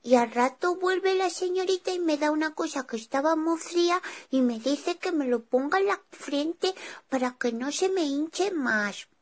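A woman's voice: high-pitched, animated, a little slow. A woman playing Lío, a chatty little boy. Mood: eager. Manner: eager, breathless retelling with stammered restarts. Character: young boy, cheerful and chatty. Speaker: child character telling a story. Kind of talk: children's show storytelling.

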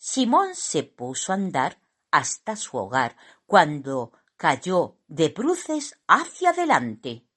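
A woman narrating a children's storybook in an expressive, unhurried manner. Her voice sits fairly low for a woman, yet rises and falls with plenty of color. She reads slowly and carefully, letting each phrase land. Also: breathy edge. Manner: expressive, unhurried reading aloud.

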